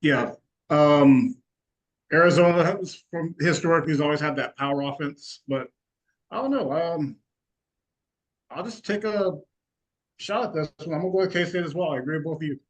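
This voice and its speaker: A man co-hosting a casual sports talk show, speaking in a relaxed, hesitant way with lots of fillers. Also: fairly high pitch, moderate pace, long pauses, rough recording. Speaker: co-host.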